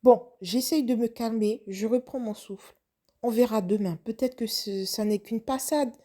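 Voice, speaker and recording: A woman's voice: on the high side, normal speed, dark tone, lightly acted. A woman acting out a young, lovestruck waitress who panics and keeps questioning herself. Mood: anxious. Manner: breathless, flustered self-questioning. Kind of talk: first-person story acting.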